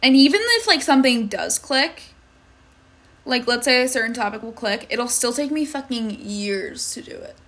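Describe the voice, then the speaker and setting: In a casual vlog, a high school girl in her teens vents about school, exasperated, swearing a lot and saying "like" constantly. Her voice sits on the high side, animated and fairly bright, at a moderate pace.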